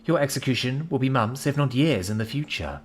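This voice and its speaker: A man doing a cold human admiral, curt and faintly irritated, with a pitch that rises and falls. A storybook reading. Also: lively intonation, brisk, slight background noise, natural voice.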